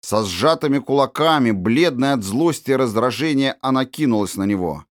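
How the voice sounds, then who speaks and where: A man's voice: mid-range voice, animated, no room sound. Man reading a storybook, dry and close. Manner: measured, descriptive reading. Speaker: audiobook narrator. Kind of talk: scripted storybook narration.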